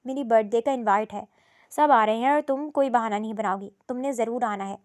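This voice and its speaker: A woman's voice: a little high, close to an everyday voice. A woman voicing a cheerful rich young man. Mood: friendly. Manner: friendly, mixes in English words.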